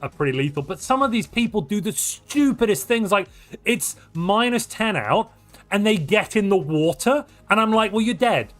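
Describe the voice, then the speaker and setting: Faint music plays behind a high-voiced man from North Wales as he chats at a moderate pace during a live stream. A streamer and tournament caster, he wanders from topic to topic with lively energy and pokes fun at himself.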